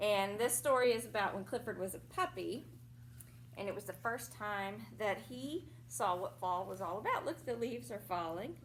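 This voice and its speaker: Reading a picture book aloud to small children, this teacher uses a medium-pitched voice with lively intonation. She keeps her explanations simple and pauses for questions and asides. The recording is rough, with a little background noise.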